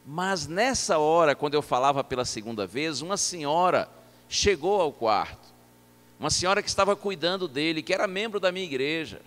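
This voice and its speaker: High-voiced Brazilian pastor telling a story. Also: male voice, a little fast. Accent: Brazilian Portuguese. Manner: animated, playful storyteller acting out voices. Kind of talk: storytelling sermon. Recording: echoey church hall.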